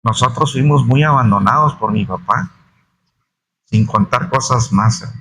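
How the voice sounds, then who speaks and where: A middle-aged man telling a testimony in a sermon, his voice dropping low and slow on painful memories. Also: pushed and bright, low-quality recording. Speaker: preacher giving testimony.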